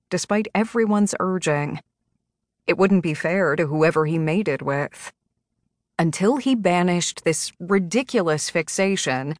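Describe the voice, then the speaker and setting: Woman narrating an audiobook, lower voice, dry studio sound, measured and even. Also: no echo.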